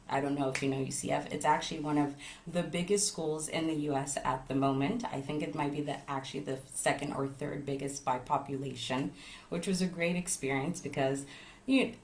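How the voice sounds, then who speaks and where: A young woman from Montreal, Canada, who makes travel content, chats casually and personally to her online viewers. Her voice is low, and she comes across as nervous and a little sleepy, rambling in an informal way. The room she's in is echoey.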